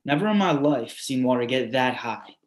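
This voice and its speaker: A man performs a readers theatre monologue, urgently and repetitively recounting how floodwater trapped his family. His medium-pitched voice is animated and moves at a moderate pace.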